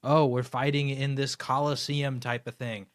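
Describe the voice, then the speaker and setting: A chatty man co-hosting a gaming podcast with a mid-pitched voice. He talks in quick, animated bursts and fills his sentences with "like.". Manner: animated, filler-heavy with lots of "like". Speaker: podcast co-host. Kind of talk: casual gaming podcast chat.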